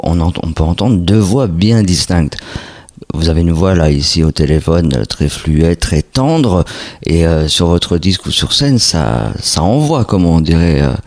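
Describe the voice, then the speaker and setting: A man's voice: low-pitched, a little mellow. A man hosting a casual radio interview, chatty and often adding little question tags. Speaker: radio host.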